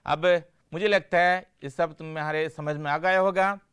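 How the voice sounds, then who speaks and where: A man's voice: a little high, fairly even intonation, unhurried, fairly bright tone, smooth. A man teaching a Hindi lesson for a broadcast class, explaining patiently, asking questions and answering them himself.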